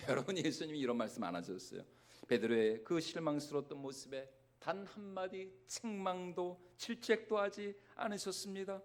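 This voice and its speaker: A man's voice: fairly high pitch, moderate pace. A male senior pastor preaching a sermon in a church sanctuary, quizzing the congregation as he goes. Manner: lively, asks the congregation questions.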